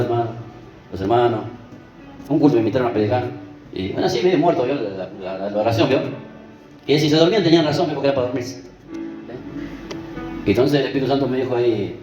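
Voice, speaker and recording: A man's voice: medium pitch, highs cut off. A man, preaching a conversational sermon and checking in with the congregation as he goes. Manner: conversational, keeps asking the congregation "¿vio?" and "¿sí?". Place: church. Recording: echoey church with music behind.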